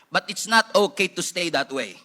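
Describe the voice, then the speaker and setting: Bright high-voiced Filipino pastor preaching. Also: male voice, lively intonation, normal speed. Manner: switches between Tagalog and English, jokes with congregation. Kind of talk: sermon.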